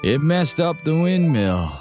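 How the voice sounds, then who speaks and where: A sulky, grudge-holding windmill keeper, put on by a man, drags out every word in a slow, hazy stoner drawl. The voice sits a touch higher than everyday talk. Faint game music plays behind it. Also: big pitch swings, darkish tone. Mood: grudging.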